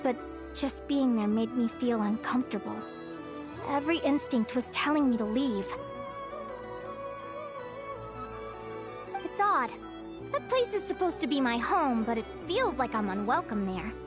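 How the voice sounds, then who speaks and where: Voicing an earnest, bookish young fae naturalist for video game dialogue, a woman tells her story articulately and thoughtfully in a wistful mood. Her voice is on the high side and animated, at normal speed, lightly acted over music.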